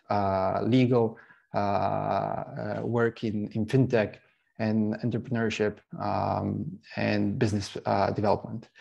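Gravelly-voiced man presenting over a call. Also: fairly low pitch, a little mellow. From Slovenia. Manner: halting, many fillers and restarts. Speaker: startup CEO presenting. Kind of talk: online conference presentation. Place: home office with bookshelves. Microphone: video call.

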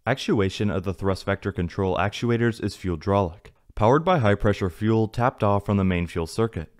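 A man narrating a technical script in an even, read-aloud manner. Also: lowish voice, normal speed. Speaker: narrator of a space news channel. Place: voice-over, not in the pictured places.

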